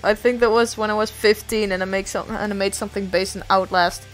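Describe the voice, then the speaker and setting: A woman's voice: mid-range voice, fairly even intonation, a little fast, soft background music. A young adult woman streamer chatting casually, rambling and self-deprecating, swearing now and then.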